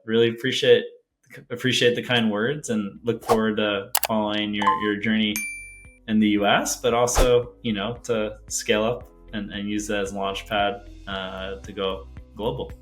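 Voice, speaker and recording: A man hosting a conversational business interview, halting and rephrasing as he builds his questions. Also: on the low side, level tone, music in the background, low-quality recording. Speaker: interview host.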